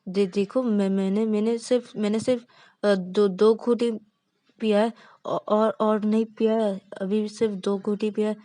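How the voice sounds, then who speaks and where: A woman's voice: fairly low pitch, level tone, fast talker, few pauses, dark tone, dry recording, close to an everyday voice. A woman voicing a timid young spouse in a narrated story who stammers and repeats words nervously.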